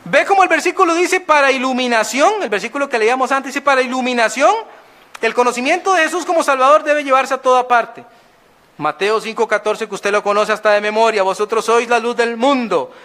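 A middle-aged male pastor preaching a sermon, asking rhetorical questions and dropping into quiet storytelling. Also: very high-pitched, brisk.

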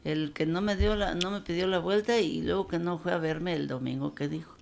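An elderly woman tells family stories in a relaxed, chatty way. Her voice is low and gravelly. She slips into the voices of the people she quotes. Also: brisk, a little hiss or hum. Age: 80s. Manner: lively storyteller, quotes people in dialogue, chuckles often. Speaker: grandmother telling her life story. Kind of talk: casual storytelling.

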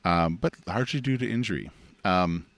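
A man with a gravelly voice co-hosting a podcast, chatting casually about sports in a teasing, conversational way. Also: low voice, lively intonation, normal speed, fairly bright tone, no echo. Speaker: podcast co-host.

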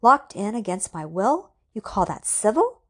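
A woman voicing a lonely, nervous man who grows frightened and tense, speaking in a slightly husky voice. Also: mid-range voice, animated, normal speed. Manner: tense, rising to frightened shouting.

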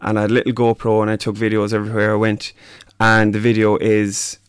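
A man's voice: on the low side, completely flat delivery, fast talker, clear, resonant tone, dry recording, studio quality. A man with a west of Ireland accent, chatting casually as a musician guest in an interview.

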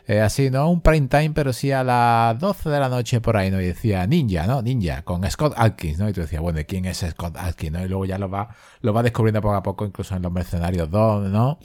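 A man's voice: lowish voice, a little fast, a little mellow, no echo. A man from Spain co-hosting a casual film discussion, rambling with many fillers and restarts. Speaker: podcast co-host.

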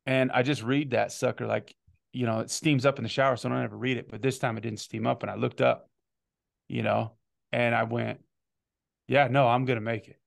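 A man in his thirties hosting a podcast, an energetic storyteller who swears freely and keeps asking "right?". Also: mid-range voice, a little fast, creaky. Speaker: podcast host. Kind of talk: casual chat.

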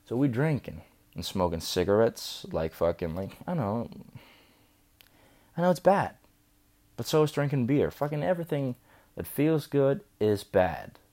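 Young man, drunk and slurring, deep-voiced, swearing casual storyteller. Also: dark tone. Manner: loose, profane, chatty. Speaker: vlogger. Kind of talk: rambling storytelling.

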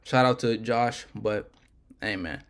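With a fairly low voice and slow pace, this sports podcast co-host talks casually. He rambles loosely and keeps correcting himself mid-thought.

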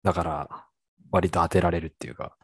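A man's voice: sits low, steady tone, fairly quick, a bit bright, breathy edge, no echo, studio quality. A young man in casual conversation, rambling and hesitant, trailing off with fillers as he talks. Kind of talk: casual chat.

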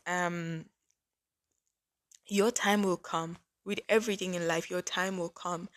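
A woman in her early twenties hosting a casual faith-based podcast, chatty and earnest, with lots of "like" fillers. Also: on the low side. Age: early 20s. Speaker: podcast host.

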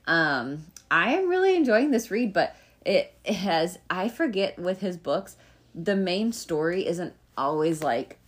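A young woman co-hosting a casual book podcast, animated and teasing. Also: lowish voice, a little slow. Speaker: podcast co-host. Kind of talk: casual chat about books.

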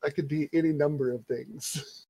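A man's voice: fairly high pitch, steady tone, normal speed, dark tone, breathy edge. A man hosting a casual chat, asking brief questions after hesitant starts. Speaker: podcast host.

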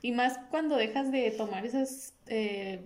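A woman's voice: fairly high pitch, a little slow, darkish tone. A woman in her twenties with a Mexican accent, chatting casually and encouragingly. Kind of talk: casual chat.

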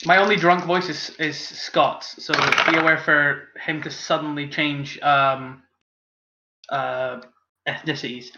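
Man player, bright tense voice, quick and joking, echoey room, dull mic. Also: on the high side, steady tone, slight background noise. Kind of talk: casual tabletop game chat.

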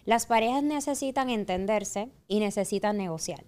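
A woman's voice: mid-range voice, moderate pace, a little mellow, clear, resonant tone. A woman psychologist, hosting a podcast conversation and explaining relationships with reflective emphasis.

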